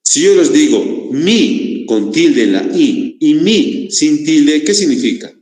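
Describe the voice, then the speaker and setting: A man's voice: on the high side, expressive, slow, a little mellow. A male teacher giving a class lecture, often asking his students rhetorical questions, with a Bolivian Spanish accent. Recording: echoey room, long reverb.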